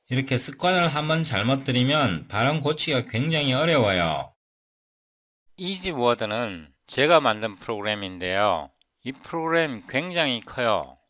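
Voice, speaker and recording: A man in his fifties explaining English pronunciation in a casual tutorial, repeating words slowly to show how they sound. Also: mid-range voice, fairly bright tone, no echo. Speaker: software developer teaching English pronunciation. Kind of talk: casual screen-recorded tutorial.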